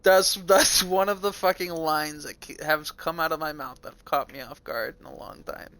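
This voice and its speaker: A man's voice: on the high side, steady tone, normal speed, sharp tone, smooth. A young man livestreaming as host, chatting casually and cracking crude, sweary jokes.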